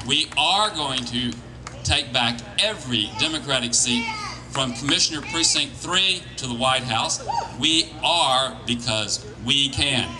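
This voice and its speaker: A man's voice: mid-range voice, measured pace. A man delivering an emphatic, rousing rally speech as a campaign organiser addressing volunteers. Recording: crowd noise behind live speech. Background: crowd.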